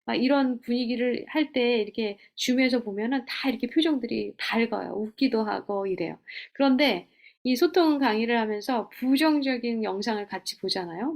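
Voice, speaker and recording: Gravelly-voiced woman teaching gently. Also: a little high. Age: middle-aged. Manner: gentle, coaching, asks rhetorical questions. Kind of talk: teaching lecture on communication.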